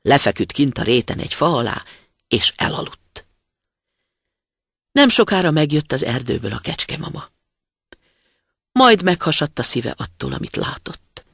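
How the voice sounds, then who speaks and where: A storyteller reading a fairy tale aloud dramatically, dropping to a hush at tense moments. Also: medium pitch, wildly swooping pitch, creaky, long pauses, husky, no room sound, studio quality.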